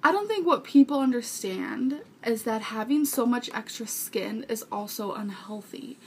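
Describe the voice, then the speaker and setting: A woman's voice: a little high, animated, normal speed, darkish tone, slight background noise. A woman in her twenties chatting informally and earnestly to viewers, rambling a little as she answers their questions. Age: 20s. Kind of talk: casual chat to viewers. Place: small furnished bedroom indoors. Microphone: webcam or camera mic at arm's length.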